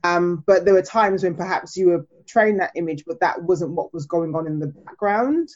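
A woman's voice: fairly low pitch, normal speed, a little mellow. A British woman interviewing as host in an encouraging, effusive way, on a slightly dull-sounding remote call. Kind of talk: casual interview.

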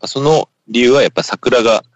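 A man's voice: mid-range voice, moderate pace. A man joining a casual chat over a computer headset, explaining things politely. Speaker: guest. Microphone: cheap-sounding headset on a computer. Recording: lo-fi, distorted computer call.

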